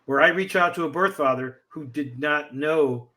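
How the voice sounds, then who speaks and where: A man conducting an interview, asking questions in a gentle, supportive manner. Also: a little high, normal speed. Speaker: interviewer who works on birth parent search cases.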